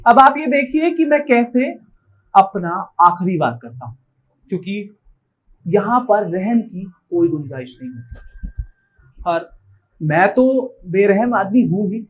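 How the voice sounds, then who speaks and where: A woman's voice: medium pitch, animated, takes it slowly, pauses often, slightly rough, lo-fi sound. A woman playing a ruthless male seducer in a stage play, who gloats in sly asides to the audience. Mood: sly gloating.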